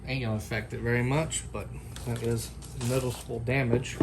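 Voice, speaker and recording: In a casual, homemade unboxing and comparison vlog, a man chats to viewers like a product reviewer, informal, folksy, and unscripted. His medium-pitched voice has a level tone and a slightly fast pace, and the recording is very noisy.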